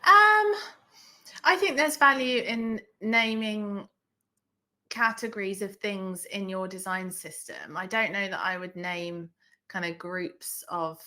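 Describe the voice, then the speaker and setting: A woman co-hosting a casual podcast, reacting in an animated, exclamatory way. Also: mid-range voice, slow. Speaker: podcast co-host.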